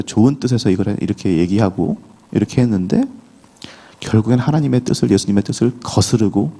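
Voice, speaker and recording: Low-voiced male pastor, conversational sermon. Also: creaky, warm tone, husky. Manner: conversational preaching with acted quotes of biblical figures. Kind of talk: early-morning prayer sermon. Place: church sanctuary.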